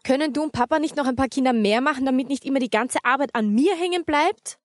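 A woman's voice: high voice, fast, no echo, clean studio sound, voice pushed up, close to an everyday voice. A woman voicing a sulky young daughter who protests in a whiny, raised voice. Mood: indignant.

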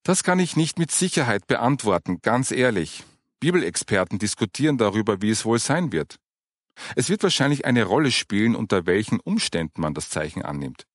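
Patient, earnest woman explaining gently, read by a low-voiced male audiobook narrator. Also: very animated, moderate pace, dry recording, clean studio sound. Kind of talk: audiobook character reading.

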